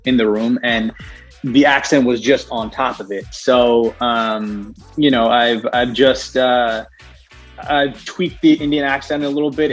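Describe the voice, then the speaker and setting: A young man talking as an actor guest in a casual interview, rambling with many restarts and frequent laughs. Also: medium pitch.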